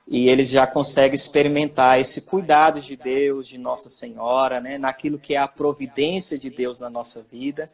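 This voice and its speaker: Earnest Brazilian man telling a story. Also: medium pitch. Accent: Brazilian Portuguese. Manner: earnest, storytelling with quoted dialogue. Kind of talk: casual testimony.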